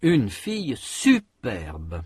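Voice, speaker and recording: Slow, expressive man reading drill phrases. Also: medium pitch, slightly rough, no echo, clean studio sound. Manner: slow, deliberate delivery of isolated phrases. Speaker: model speaker for pronunciation drills. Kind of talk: recorded language-lesson example sentences.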